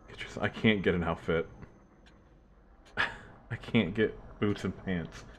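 A man's voice: deep voice, takes it slowly, a little hiss or hum. A man streaming a horror game live, muttering to himself, joking and swearing freely as he plays. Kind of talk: casual live-stream gaming commentary.

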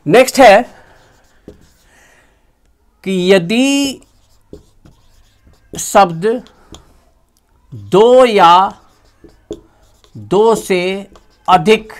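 A patient grammar teacher who speaks at a very unhurried pace. Each word is stretched out while it is written, in a mid-pitched voice, like classroom dictation. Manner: slow, drawn-out dictation while writing. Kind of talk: classroom-style lesson explained in Hindi. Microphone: phone on a tripod with a clip-on mic.

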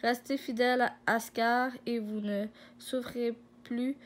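A woman voicing a scheming villainous male lion, speaking in a lower, softer, sly voice. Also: steady tone, takes it slowly.

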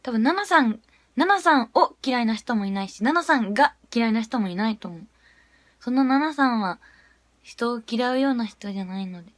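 A woman's voice: a little high, fairly quick, no echo. Giggly young woman chatting on a livestream. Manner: chatty, giggly, swings between murmured asides and excited squeals. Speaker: idol livestreamer. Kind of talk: casual livestream chat.

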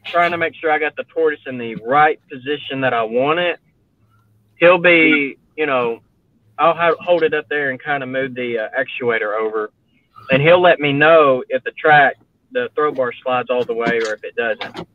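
A man's voice: mid-range voice, moderate pace, no room sound. Easygoing hobbyist man, lo-fi call audio. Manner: explaining, easygoing. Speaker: model railroad hobbyist. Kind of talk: casual chat. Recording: thin phone-like line.

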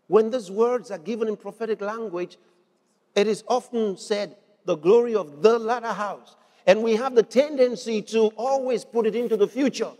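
A man preaching a sermon in an emphatic way, repeating words and shouting to drive points home. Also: high-pitched, long reverb tail.

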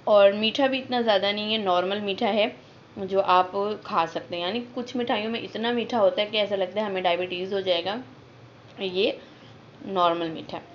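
A young woman vlogger chats casually with viewers in her home kitchen, filming herself on a handheld phone for a home cooking vlog. Her mid-range voice stays steady at a moderate pace, and she sounds chatty and upbeat, speaking straight to her audience. The audio is dull, with slight background noise.

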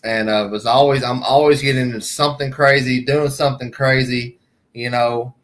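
A man's voice: mid-range voice, steady tone, normal speed, fairly bright tone. Folksy Southern man chatting. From Southwest Arkansas. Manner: folksy, joking. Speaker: livestream host. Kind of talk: casual chat.

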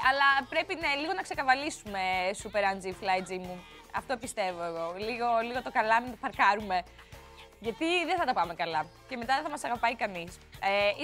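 A woman's voice: fairly high pitch, fairly bright tone. A young woman TV host in a studio, chatting playfully and teasing as she reads out viewer comments, in a slightly odd voice. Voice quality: odd put-on voice today. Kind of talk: casual chatty TV presenting.

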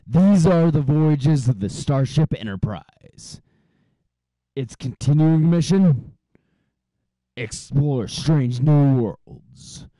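A man voicing a theatrical movie trailer announcer with drawn-out, grand delivery. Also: mid-range voice, warm tone, dry recording, pitched above the performer's own voice, low-quality recording.

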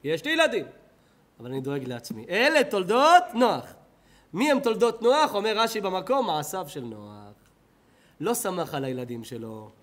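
Man, rabbi, Israeli Hebrew accent, high voice, synagogue sermon, loud bursts and quiet asides. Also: slight background noise. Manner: animated preaching, swings from loud outbursts to low murmurs. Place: synagogue hall.

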